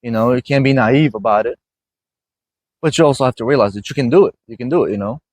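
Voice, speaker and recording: A man's voice: medium pitch, fast, a little mellow, dry recording. Brief: man with a mid-range voice, dry close sound, earnest motivational host. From Iraq. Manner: earnest, repeats "you know what I mean". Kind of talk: casual motivational conversation. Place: gym.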